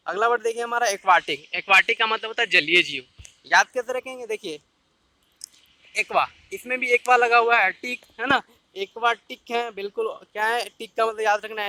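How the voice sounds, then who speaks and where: ऊँची, चमकीली आवाज़ वाला पुरुष शिक्षक. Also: male voice, sits high, bright, forceful tone, no room sound. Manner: repeats keywords slowly and drills mnemonic tricks. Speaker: vocabulary teacher. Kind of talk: exam-prep vocabulary lesson.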